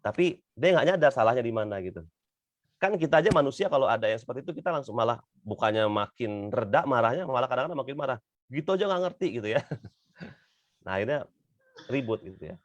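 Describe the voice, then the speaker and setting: The recording is muffled and echo-free as a man with a mid-range voice gives a conversational Islamic talk to an audience. A religious motivational speaker, he keeps adding small fillers to his sentences and says "gitu ya" again and again.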